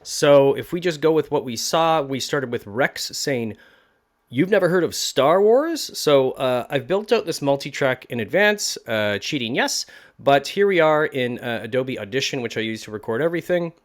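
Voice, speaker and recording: A voice actor guides viewers through a tutorial in a mid-range voice, speaking at a moderate pace with lively intonation. The instruction feels laid-back and informal, peppered with self-deprecating jokes.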